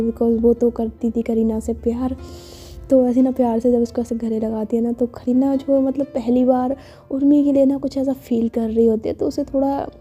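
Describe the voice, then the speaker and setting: A woman's voice: a little high, warm tone, husky. A woman telling a love story in a casual, chatty way, full of fillers. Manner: chatty, filler-heavy narration.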